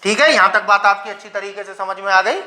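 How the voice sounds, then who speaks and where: Guy teaching grammar, bright voice, asks q's n answers them himself. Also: high voice, fast talker. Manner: leads pronunciation drills. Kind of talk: classroom-style lecture.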